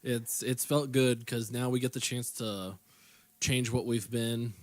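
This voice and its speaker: A man's voice: medium pitch, little pitch movement, unhurried, no room sound. A man with a nasal, nerdy voice co-hosting a casual podcast, teasing and laughing often. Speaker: podcast co-host. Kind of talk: casual chat.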